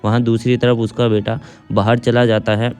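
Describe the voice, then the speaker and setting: A man narrating a short family moral story in a plain, steady manner. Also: medium pitch, normal speed, smooth, soft background music.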